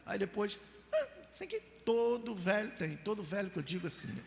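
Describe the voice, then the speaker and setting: High, gravelly Brazilian pastor preaching live. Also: male voice, huge pitch swings, moderate pace, a little hiss or hum. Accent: Brazilian Portuguese. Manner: storytelling, acts out scenes with mock crying and voices, rising to shouts. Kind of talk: sermon. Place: church hall. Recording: live church hall with reverb.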